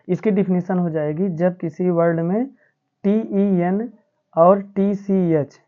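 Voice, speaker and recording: A woman teacher explaining English spelling rules to students in a patient, repetitive classroom manner. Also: on the low side. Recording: tinny phone-like audio.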